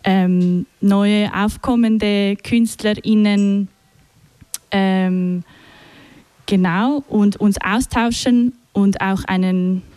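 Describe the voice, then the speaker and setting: A woman hosts a live radio culture show from a studio. She talks at an unhurried pace in a mellow voice and fills her pauses with hesitations. The sound is close and dry. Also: medium pitch, no room sound. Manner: relaxed, hesitant with many fillers.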